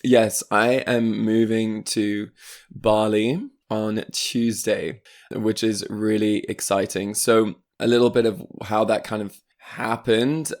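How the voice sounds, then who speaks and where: A man who grew up in France, chatting on a podcast as a guest. His voice sits a little low, and he talks in an animated, rambling way, full of fillers and asides. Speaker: guest, spiritual coach. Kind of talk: casual podcast interview.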